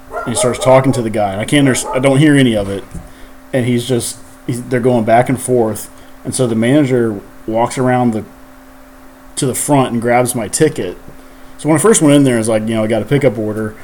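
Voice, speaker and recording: A man's voice: medium pitch, fairly even intonation, brisk, a little mellow, a little hiss or hum. A man hosting a podcast, telling a long rambling story in casual chat, full of fillers and laughing as he goes. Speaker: podcast host.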